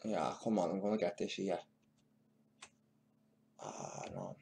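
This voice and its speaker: A video host reacts to news clips, muttering casual commentary to himself as he fiddles with them and throwing in mocking, swearing asides. His voice is low, gravelly and darkish, very animated yet slow.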